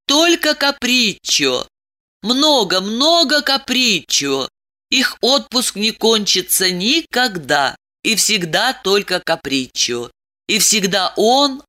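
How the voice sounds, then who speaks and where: A woman narrating a novel in an expressive, dramatic storytelling manner. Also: medium pitch. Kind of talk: audiobook reading.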